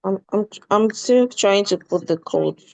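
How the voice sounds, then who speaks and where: A woman's voice: mid-range voice, unhurried, creaky, a little mellow, no room sound. A woman taking part in an online class, heard through a video call, talking hesitantly and stumbling over her words. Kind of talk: casual back-and-forth during a live tutorial. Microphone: device mic on a video call. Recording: dull lo-fi video call audio.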